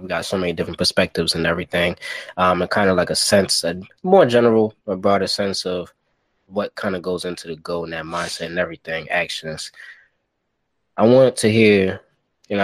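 A man's voice: sits low, dry recording. A man hosting a casual podcast chat in slangy, conversational talk peppered with yo and man. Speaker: podcast host.

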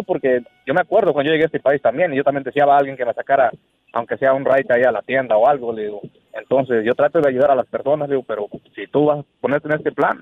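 A man's voice: medium pitch, no room sound. Man rambling on a tinny phone line. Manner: rambling, repeats "le digo" and "Diva". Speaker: radio caller. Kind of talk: telling a personal story on a call-in show.

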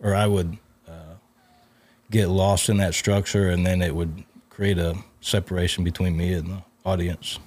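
A man's voice: low-pitched, level tone, normal speed, a little mellow. A man who is a comedian, talking as a podcast guest in casual chat, reflective and searching for his words.

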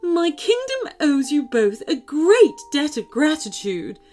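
A woman's voice: sits high, very animated, slow, darkish tone, faint music behind, voice pushed up, heavily acted. A woman voicing a gracious, regal marshmallow queen in a storybook reading, speaking in a grand, courteous way.

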